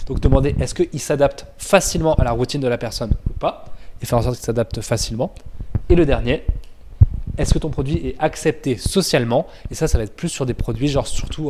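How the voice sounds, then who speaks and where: Male trainer, conversational explainer; loose delivery, frequent self-corrections, average pitch. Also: background noise. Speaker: business trainer. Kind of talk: casual explanatory lesson.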